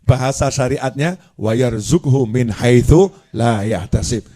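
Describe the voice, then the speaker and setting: A man's voice: a little high, darkish tone. A man gives a playful sermon, quizzing his listeners and acting out little scenes. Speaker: preacher.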